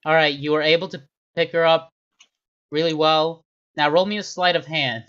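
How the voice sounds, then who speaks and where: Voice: medium pitch, steady tone, moderate pace, fairly bright tone, clean tone. A game master narrating a tabletop game, rambling with many restarts and fillers. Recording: dull lo-fi sound.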